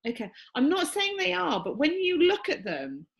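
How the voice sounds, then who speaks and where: A woman's voice: very high voice, wildly swooping pitch, normal speed, vocal fry, rough recording. A woman working as a psychic medium, relaying messages in a reading. She talks in an earnest, emotional, chatty way with many restarts.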